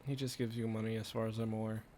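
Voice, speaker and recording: A man's voice: fairly low pitch, flat delivery, fast talker, darkish tone, a little hiss or hum. A man doing casual game stream commentary, rambling and thinking aloud as he plays. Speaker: streamer playing a video game. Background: game music.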